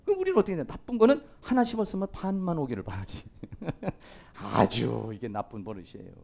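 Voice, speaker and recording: High-voiced, animated male pastor lecturing. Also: brisk, vocal fry. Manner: animated and colloquial, acting out quoted voices, often laughing. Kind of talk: lively classroom lecture on healing counseling.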